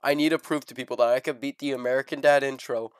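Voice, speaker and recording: A young man who is sick, streaming a game, swearing a lot and breaking into excited shouts. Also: medium pitch, quick pace, clear, resonant tone, dry recording. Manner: profane, swings into excited shouting. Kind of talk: gaming livestream commentary. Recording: game music playing loudly behind. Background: game music.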